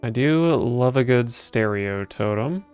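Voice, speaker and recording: Smooth-voiced man, dry gameplay commentary. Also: mid-range voice, animated, slow, a little mellow. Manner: dry, muttering strategy aloud, sardonic. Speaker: game streamer. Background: game music.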